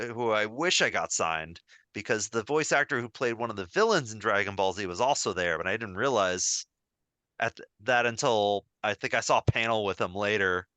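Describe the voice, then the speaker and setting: A man co-hosting a podcast, chatting casually and getting animated as he recalls a story. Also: fairly low pitch, clear, resonant tone, no room sound. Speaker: podcast co-host. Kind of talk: casual chat.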